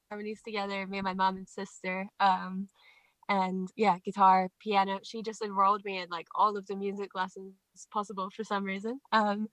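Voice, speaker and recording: A woman's voice: medium pitch, a bit bright, dry recording, poor audio. A female guest musician with a mixed Scottish and New Zealand accent chatting casually, easygoing with many fillers. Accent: mix of Scottish and New Zealand. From Scotland, raised in New Zealand. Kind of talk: casual chat.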